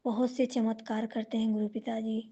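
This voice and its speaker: A woman gives a devotional testimony in a slow, reverent, even-toned voice that stays fairly high. Her tone is very dark and mellow. The recording sounds dull and lo-fi. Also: slightly rough. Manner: slow and reverent, with chanted mantras.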